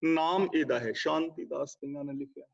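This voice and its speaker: A man giving a scripture exposition class, chanting verses slowly and explaining them in a measured way. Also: a little high, vocal fry. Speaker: Sikh scripture teacher. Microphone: video call. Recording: dull lo-fi online class audio.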